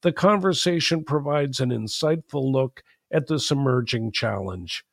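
A man hosts the podcast in a mid-pitched voice, recorded close and dry with no room sound. His delivery is measured and steady, both in his introduction and in his questions. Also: no room sound. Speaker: podcast host. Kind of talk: host intro and read sponsor ad, then interview questions.

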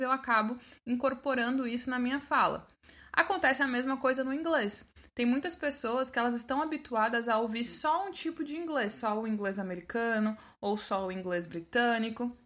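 A woman's voice: a little high, a bit bright. Chatty Brazilian woman teaching English. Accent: Brazilian Portuguese, mixed São Paulo, Sergipe and Minas. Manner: chatty, full of restarts and fillers. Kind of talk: casual teaching monologue.

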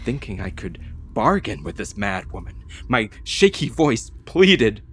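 A man's voice: on the low side, big pitch swings, unhurried, a little hiss or hum. A man voicing a frightened captive soldier narrating. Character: frightened young male soldier held captive. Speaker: first-person narrator. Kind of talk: audio drama narration.

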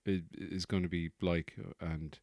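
A man's voice: low voice, little pitch movement, measured pace, a little mellow, dry recording, studio quality. Rambling, jokey podcast man. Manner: rambling, jokey, profane tangents. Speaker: podcast host. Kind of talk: comedic solo podcast monologue.

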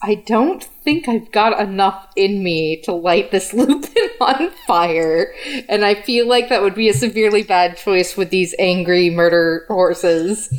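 A woman's voice: medium pitch, measured pace. A woman playing a tabletop game, joking wryly in casual chat. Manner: wry, joking. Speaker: player.

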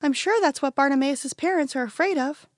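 A woman's voice: high voice, fairly quick, no echo, clean studio sound, pitched above the performer's own voice, natural voice. A woman reading the part of an earnest young girl in a storybook who explains things to her friends. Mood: explaining. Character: curious young girl from a group of kids.

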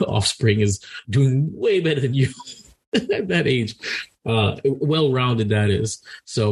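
A man's voice: mid-range voice, darkish tone, husky. A man co-hosting a podcast in casual banter, joking and rambling with frequent restarts. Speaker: podcast co-host.

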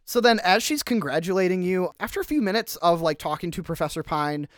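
A man's voice: high-pitched, expressive, fast talker, no echo. A man narrating a tabletop game as game master, casual with many fillers.

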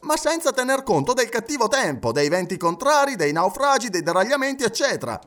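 Guy putting on a worked-up english gentleman, high and jumpy, keeps exclaiming. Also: very animated, a little fast, full character voice. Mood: excited. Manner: agitated, exclaiming. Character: excitable, stubborn male English gentleman gambler.

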